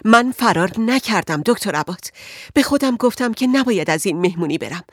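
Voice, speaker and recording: A woman's voice: medium pitch, expressive, slightly rough, dry recording, clean studio sound. A woman voicing an anxious married woman who pleads and frets about her husband in an audiobook. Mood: distressed. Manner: agitated, pleading.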